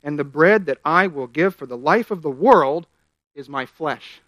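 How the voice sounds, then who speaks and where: A man preaching a sermon, reading scripture aloud and explaining it, his voice rising loud at key points. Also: a little high, expressive, measured pace, dry recording, dull audio.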